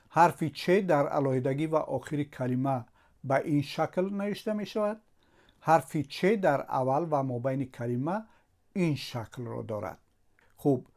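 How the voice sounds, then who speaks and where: A man teaches a slow spelling lesson. He sounds out letters one at a time, patient and methodical, building each syllable step by step and repeating the same patterns. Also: a little high, a little mellow.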